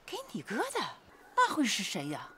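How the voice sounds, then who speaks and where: Older mother, soft, sighing, lively pitch, faint noise. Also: normal speed. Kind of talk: TV drama acting.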